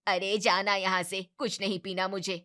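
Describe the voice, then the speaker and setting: A woman plays a bitter, sharp-tongued mother-in-law in an animated family drama. She scolds in a harsh, dismissive tone, with her pitch in the middle range. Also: moderate pace, lightly acted. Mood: scolding.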